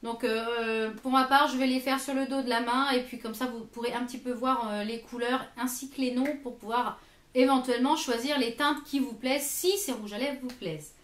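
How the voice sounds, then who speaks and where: A woman's voice: on the high side, steady tone, moderate pace, echoey room. A French woman reviewing lipsticks in her own vlog, hesitant and full of fillers and repeated words. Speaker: beauty vlogger. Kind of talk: product review.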